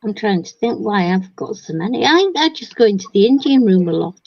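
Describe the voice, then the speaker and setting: An English woman hosting a relaxed crafting chat, talking easily and laughing often. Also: mid-range voice, a little fast, no echo, muffled recording. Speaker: host. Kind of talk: casual chat while crafting.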